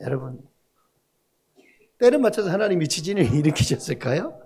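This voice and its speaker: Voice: mid-range voice, big pitch swings, fairly quick, warm tone. A pastor preaching a Sunday sermon in a church, asking the congregation questions and joking with the children. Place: church sanctuary.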